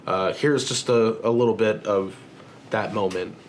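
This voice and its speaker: A man's voice: fairly low pitch, steady tone, measured pace, a little hiss or hum. A man talking casually in a vlog, with lots of fillers and restarts and the odd swear. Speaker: filmmaker vlogger. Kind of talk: casual chat.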